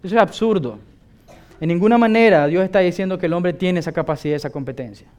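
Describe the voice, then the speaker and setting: Male pastor with a high-pitched voice, preaching an emphatic sermon. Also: fast, darkish tone. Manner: emphatic, asks listeners rhetorical questions.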